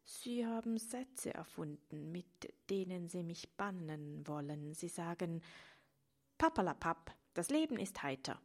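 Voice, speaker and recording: Lady playing sadness as a grey spirit thing, breathy halting whisper, kinda low. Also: expressive. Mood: mournful. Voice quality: hoarse whispered voice. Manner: hesitant, halting, mistrustful.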